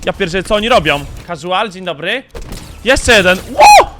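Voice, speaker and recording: A young man from Poland giving excited commentary over his own game, with sudden shouts and quick muttered asides. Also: high voice, very noisy. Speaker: gaming YouTuber.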